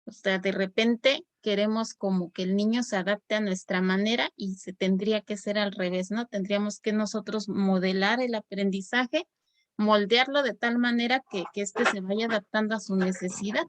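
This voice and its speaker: A woman teacher telling a childhood story in a chatty, animated way, acting out the quoted voices. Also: mid-range voice, normal speed, no room sound. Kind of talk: personal storytelling in a panel talk.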